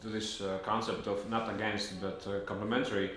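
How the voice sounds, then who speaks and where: Guy interviewing, fumbles his words a lot, lowish voice, super echoey room. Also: flat delivery, a bit bright. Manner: hesitant, halting, many fillers and restarts. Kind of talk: casual interview questions.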